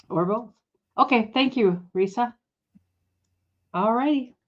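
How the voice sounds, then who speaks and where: A woman's voice: a little high, slow pace, highs cut off. A woman running a casual live online auction, chatting in a rambling way and correcting herself as she goes. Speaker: livestream auction seller. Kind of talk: casual live-sale chat.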